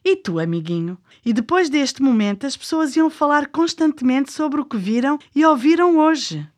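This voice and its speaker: High voiced portuguese woman, kids show co-host, curious and expressive, scripted chatty storytelling. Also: normal speed. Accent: European Portuguese. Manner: inquisitive, expressive. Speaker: children's programme co-host. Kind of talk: scripted conversational children's storytelling.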